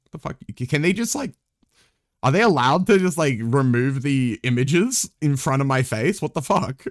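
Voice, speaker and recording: A man's voice: medium pitch, animated, normal speed, no room sound, studio quality. A young man live-streaming a game, chatting casually in a rambling way, swearing freely, with wry asides to his viewers.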